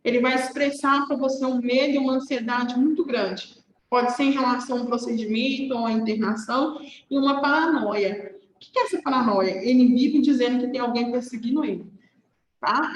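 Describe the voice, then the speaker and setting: A young woman with a high voice gives a nursing lecture in a loose, conversational way, checking in with her class as she goes. Her voice rings in an echoey room. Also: a little hiss or hum. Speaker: nursing teacher.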